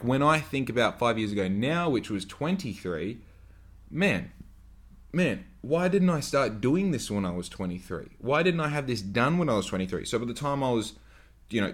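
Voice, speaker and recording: A man in his late twenties hosting a solo podcast, talking in a rambling, profane way full of "like" and loose asides. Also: mid-range voice. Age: 20s. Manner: rambling, profane, filler-heavy with frequent "like". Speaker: podcast host.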